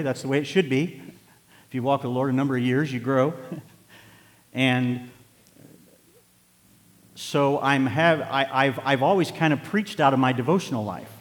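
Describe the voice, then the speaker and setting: A man's voice: mid-range voice, long reverb tail. A pastor in his late fifties preaching a sermon, moving from conversational reflection to emphatic, rising exhortation. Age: 50s. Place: church sanctuary.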